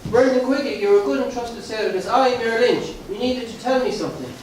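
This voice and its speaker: Guy playing stern old-time mayor, high voice, solemn n declamatory, super echoey stage play. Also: a little fast. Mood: concerned, dutiful. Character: stern, commanding mayor and magistrate, a father. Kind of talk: historical stage play acting. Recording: echoey hall, distant mic, faint noise.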